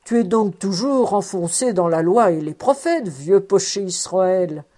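A woman's voice: medium pitch, animated, a little slow, mellow. A woman reading aloud, voicing a cheerful, teasing man who loves food and drink. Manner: joking, cheerful.

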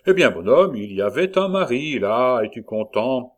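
A man's voice: medium pitch, big pitch swings, moderate pace, close to an everyday voice. A man voicing a jovial, mocking and menacing male traveling salesman in an audiobook, teasing with many fillers. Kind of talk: audiobook character voice.

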